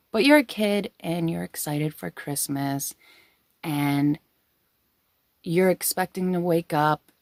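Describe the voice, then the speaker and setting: A woman's voice: deep voice, creaky, no echo. A woman hosting a casual storytelling video, giggly and rambling as she talks to her viewers. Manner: giggly, breaking into laughter while talking.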